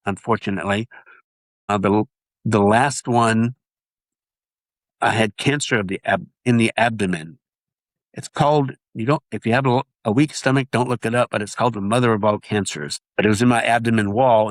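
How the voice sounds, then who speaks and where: In a casual interview with no room sound, a man speaks on the low side in a nasal tone. He earnestly recounts his testimony, repeatedly breaking off and restarting what he's saying.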